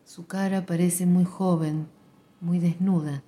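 Quiet, mellow woman narrator. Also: on the low side, steady tone, takes it slowly. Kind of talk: literary reading.

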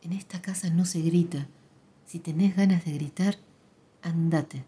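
A woman voicing a grieving middle-aged widow who speaks flatly and firmly. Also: lowish voice, a little slow, husky. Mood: numb firmness.

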